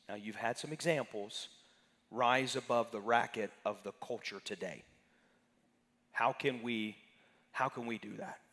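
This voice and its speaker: A man's voice: mid-range voice, sharp tone. A man pastor leading an interactive Sunday class, talking conversationally and calling on members of the congregation by name. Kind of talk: interactive church teaching. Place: church sanctuary. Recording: reverberant sanctuary hall.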